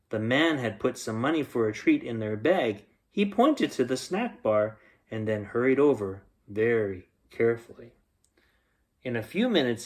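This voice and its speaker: This medium-pitched male voice tells a children's bedtime story, giving the reading plenty of expression along with dramatic stresses and pauses.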